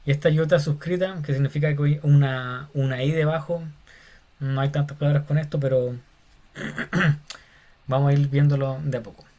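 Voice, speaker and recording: A man's voice: fairly high pitch, fairly even intonation, normal speed, a little mellow. Casual male Bible Greek teacher. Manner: casual, addresses listeners as "hermano", many fillers. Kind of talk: informal lecture.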